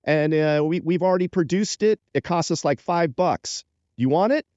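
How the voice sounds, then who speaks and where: A man's voice: normal speed, dry recording, dull audio, natural voice. A man doing a brash New York TV producer. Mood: pitching. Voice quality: loud, pushy sales pitch. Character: brash fast-talking old-time male TV producer.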